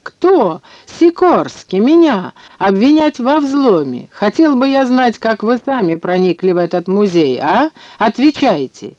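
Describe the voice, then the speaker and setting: A high-pitched, furious old scientist spits venomous sarcasm in this storybook reading, as a male narrator puts him on. The voice is dark-toned and dry, and the lo-fi audiobook recording sounds dull. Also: animated, normal speed, no room sound, natural voice. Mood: indignant. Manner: ranting, venomous. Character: irate elderly male scientist, shrill and sarcastic.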